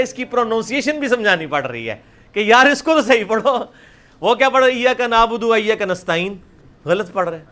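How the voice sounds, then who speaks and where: Religious teacher, man, fairly high voice, repeats letters loudly and firmly. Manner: drills letters by repeating them loudly, mixing Punjabi into Urdu. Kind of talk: live Quranic pronunciation class.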